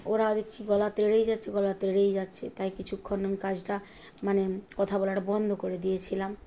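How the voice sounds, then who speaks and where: A middle-aged woman from Bengal chatting in a rambling way while she bakes in her home kitchen, sometimes speaking softly. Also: mid-range voice, monotone, brisk. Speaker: home cooking vlogger. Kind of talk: casual chat while baking. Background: fan hum and rain outside.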